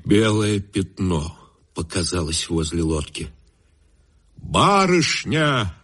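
A man reads a classic story aloud in a measured, expressive way. His voice sits low and carries a husky grain. He shapes each sentence with care. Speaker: narrator. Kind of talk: literary audiobook narration.

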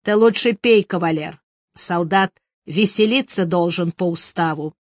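A reader voicing a greedy peasant innkeeper who mutters and grumbles slowly. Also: medium pitch, dry recording, studio quality, close to an everyday voice. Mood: sour. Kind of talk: audiobook reading.

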